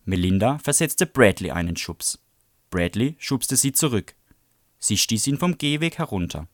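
A man presenting a book and reading a passage aloud in an even, measured storytelling manner. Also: fairly low pitch, dry recording, clean studio sound. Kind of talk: book review and read-aloud.

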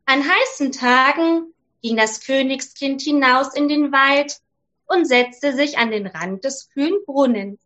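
A woman reading a fairy tale aloud to children, gently and clearly. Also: high-pitched, a little slow, highs cut off. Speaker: storyteller for children.

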